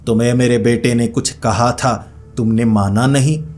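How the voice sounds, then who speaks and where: A man's voice: mid-range voice, steady tone, normal speed, darkish tone, slight background noise, natural voice. A man voicing a stern ghostly father who speaks in a heavy, warning voice.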